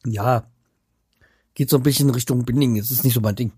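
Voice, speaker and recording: This vlogger, a man from the Hanau area, talks fairly quickly in a medium-pitched, steady, mellow, husky voice. He chats casually to camera from home, trailing off and starting again with frequent fillers, and the studio-quality audio has no echo.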